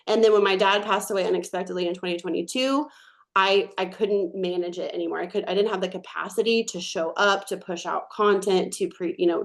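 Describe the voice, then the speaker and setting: A woman in her thirties presenting on a webinar, earnestly telling her personal story. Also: lowish voice.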